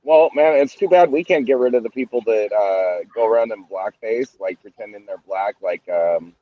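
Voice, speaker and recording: Halting sardonic man on a dull mic. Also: on the low side, no echo. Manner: halting, many fillers, sardonic. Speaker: podcast co-host. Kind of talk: casual podcast chat.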